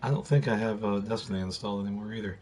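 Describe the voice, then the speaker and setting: A man streaming a video game and chatting casually, hoarse from losing his voice, clearing his throat often. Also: lowish voice, very fast, darkish tone, faint music behind. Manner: throat-clearing, laid-back. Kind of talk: casual live-stream chat.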